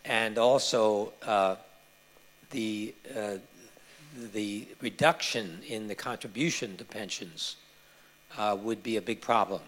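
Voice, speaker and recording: A man answering audience questions at a conference, explaining points in a measured way with frequent hesitations. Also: on the low side, fairly bright tone.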